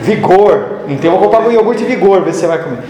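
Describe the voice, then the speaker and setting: High-voiced preaching man in an echoey hall. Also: expressive, very fast, a crowd in the background. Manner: conversational, tells homely anecdotes. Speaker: pastor. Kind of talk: sermon. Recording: echoey hall with faint noise.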